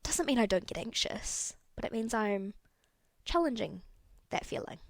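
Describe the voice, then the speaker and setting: A woman's voice: fairly high pitch, animated, moderate pace, no room sound. A young woman hosting a solo podcast, talking candidly and rambling a little, correcting herself as she goes. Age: young adult. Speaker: podcast host. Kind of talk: casual solo podcast talk.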